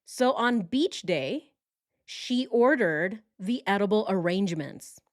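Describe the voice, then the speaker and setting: A woman's voice: mid-range voice, expressive, slow, no room sound, clean studio sound. A woman hosting a casual true-crime livestream, talking through details informally and posing rhetorical questions as she goes. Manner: rhetorical questions with tag "right?". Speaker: livestream host.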